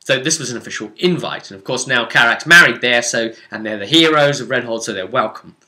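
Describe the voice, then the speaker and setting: A man acting as game master recounts a tabletop fantasy session like a story, tossing rhetorical asides to the listener. His mid-range voice is sharp in tone and fairly quick.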